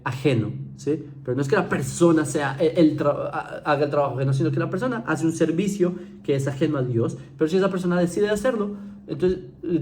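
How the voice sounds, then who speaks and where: This man lectures viewers in a loose, chatty style, his voice on the high side with a darkish tone and slight background noise. Fillers and restarts are frequent, he throws in mocking mimicry, and he repeatedly asks "¿sí?" to make sure he's being followed.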